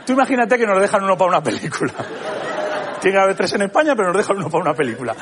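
A man's voice: high-pitched, big pitch swings, very fast, a crowd in the background. A man doing a stand-up comedy monologue on stage, animatedly acting out both sides of dialogues. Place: comedy stage before a live audience. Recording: live audience laughter, noisy theatre.

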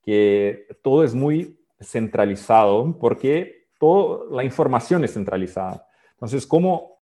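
Halting man with Spanish. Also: medium pitch, animated, warm tone. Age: 40s. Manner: halting, searching for words in a second language. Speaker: guest, software founder and engineer. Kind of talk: interview answers, personal storytelling.

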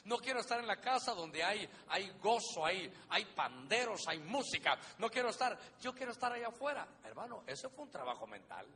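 A man's voice: high voice, sing-song, a little fast, few pauses, bright, forceful tone. A man preaching a sermon as a pastor, emphatic and addressing the congregation as brother, acting out voices in his stories. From Honduras. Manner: emphatic preaching, often says "hermano", acts out voices in stories. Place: church hall. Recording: live church recording with long reverb and faint hum.

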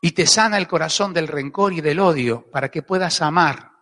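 High, bright Argentine preacher in a hall. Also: male voice, normal speed. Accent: Argentine Spanish. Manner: emphatic preaching with frequent rhetorical "¿eh?" and repetitions. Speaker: pastor. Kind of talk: sermon. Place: church hall. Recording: echoey church hall.

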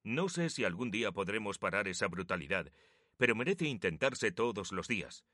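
A man's voice: on the low side, big pitch swings, moderate pace, pushed and bright, no room sound, studio quality, exaggerated voice. A man voicing a businesslike male recruiter who speaks formally and persuasively.

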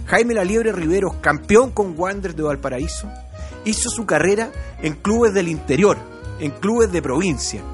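A man's voice: high voice, animated, moderate pace, soft background music. A man with a Chilean accent talking football nostalgically, with enthusiastic exclamations and firm opinions. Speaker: football show presenter.

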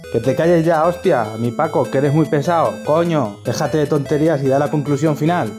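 A woman's voice: deep voice, fairly quick, close to an everyday voice. A woman with a Castilian Spanish accent voicing a bossy, blunt, foul-mouthed podcast sidekick who scolds. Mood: annoyed, scolding. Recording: prominent music behind the voice.

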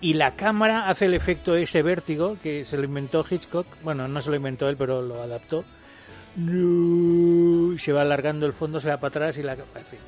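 A man tells a comic story on air, hamming it up and acting out every voice. His voice sits a little high. Music plays clearly underneath. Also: quick pace, few pauses. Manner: exaggerated, theatrical, acts out voices. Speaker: co-host. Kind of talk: comic storytelling on a radio show.

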